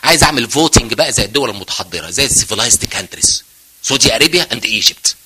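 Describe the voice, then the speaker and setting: Fast, bright Egyptian man lecturing. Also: mid-range voice, animated, husky. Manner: joking, mixes English terms, asks and answers himself. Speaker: physiology professor giving a talk. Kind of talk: lively lecture to medical students.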